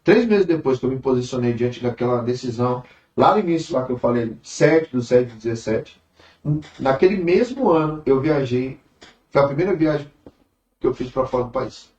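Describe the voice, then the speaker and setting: A man's voice: mid-range voice, moderate pace. A man with a Brazilian accent, a preacher telling a testimony in an interview, acting out the dialogue. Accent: Brazilian Portuguese. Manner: animated storyteller acting out dialogue. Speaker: traveling preacher. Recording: distant mic, roomy, dull sound.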